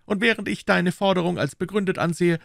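A man's voice: high voice, fairly even intonation, brisk, gravelly, a bit bright, no room sound, clean studio sound, pitched above the performer's own voice. A man voicing a cold, haughty young male musketeer with icy, disdainful courtesy in an audiobook reading. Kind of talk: audiobook character voice.

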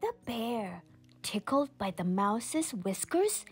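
A woman reading a children's picture book aloud as a storyteller, with expressive, dramatic and deliberate phrasing. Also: fairly high pitch, slightly rough, faint music behind.

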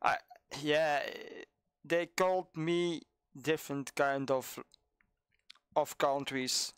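A Belgian man whose first language is Dutch, chatting casually with teammates in halting English while streaming a team shooter. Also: on the high side, fairly even intonation, clean tone, no room sound, clean studio sound. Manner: hesitant, halting English with fillers. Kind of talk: casual gaming chat with teammates. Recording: game music loud behind. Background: game music.

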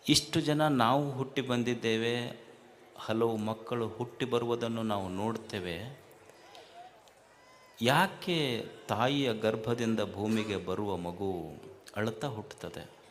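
Man with a North Karnataka Kannada accent, unhurried, repetitive, rhetorical, faint noise behind. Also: medium pitch. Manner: repetitive, rhetorical questions, rising emphasis; hushes the crowd firmly and jokingly. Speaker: speaker addressing a festival gathering. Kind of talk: spiritual public talk.

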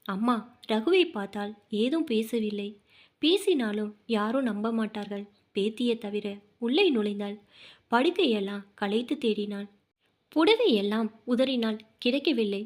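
A woman narrating a family drama story in a dramatic, expressive reading. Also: on the high side, unhurried.

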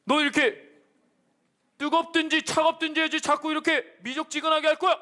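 A man's voice: very high-pitched, level tone, fairly quick, bright, forceful tone. A man voicing Jesus, giving orders and firmly scolding a lukewarm church in a children's sermon. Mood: commanding, scolding. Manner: firm, scolding, direct.

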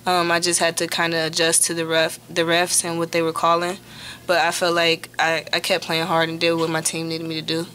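A young woman who plays college basketball, answering reporters at a postgame press conference into a table mic, steady and plain, often starting with "um". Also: lowish voice, brisk, slight background noise. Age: young adult. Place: press room in front of a sponsor backdrop. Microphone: table mic on a stand.

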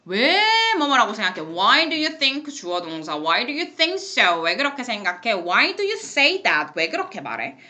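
A woman teaching an English lesson in a classroom, explaining phrases in Korean and reading example sentences slowly, with blunt, playful asides to her students. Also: on the high side, sing-song, pushed and bright.

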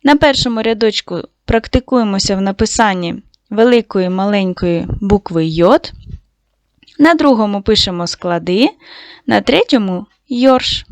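A woman teaching a lesson to young schoolchildren, giving slow, clearly articulated instructions. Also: mid-range voice, animated, no echo. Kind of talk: online lesson for young children.

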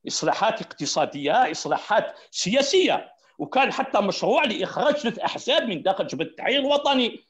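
Algerian man, high voice, quick emphatic debater who hammers words home; muffled call audio. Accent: Algerian Arabic. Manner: emphatic, repeats key words, laughs between points. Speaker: panelist. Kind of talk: heated debate argument.

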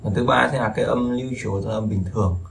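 A man with a somewhat low voice talks through a language lesson in a loose, conversational way. He rambles and circles back, filling pauses with small hesitations, over a faint hiss of background noise. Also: creaky. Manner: relaxed, rambling, with frequent fillers and repetitions. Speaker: Chinese teacher. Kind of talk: casual explanatory lesson.

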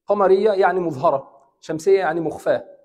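Egyptian-accented imam teaching in a hall. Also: male voice, sits high, darkish tone, muffled recording. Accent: Egyptian Arabic. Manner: explains slowly, repeating examples and asking the class questions. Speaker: imam teaching Quran recitation. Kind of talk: bilingual classroom lecture. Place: mosque hall.

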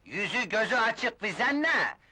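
A hostile village conservative in an old film melodrama. His voice is high, sharp and raspy, and he argues with scornful indignation. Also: big pitch swings, a little slow, heavily acted. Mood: scornful, indignant. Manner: scornful, argumentative. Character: hostile, self-righteous conservative village man.

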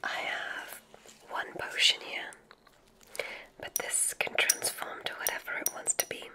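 In a lightly acted ASMR roleplay, a woman plays a supportive witch examiner at a school of magic. She whispers softly and breathily, slow and soothing, gently enthusiastic, with deliberate pauses.

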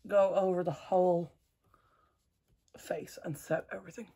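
Low husky-voiced woman, chatty. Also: fairly even intonation, measured pace, dark tone. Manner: chatty, rambling, self-correcting. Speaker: makeup vlogger. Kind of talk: casual makeup tutorial.

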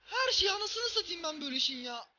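Male gaming host, very high and sharp voice, loud play-by-play of his own football game, shouts and swears at it. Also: sing-song, quick pace, muffled recording. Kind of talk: football gameplay commentary.

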